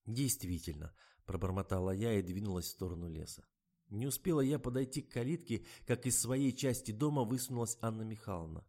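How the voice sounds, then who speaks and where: A man narrating an audiobook in the first person with even, measured reading. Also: lowish voice.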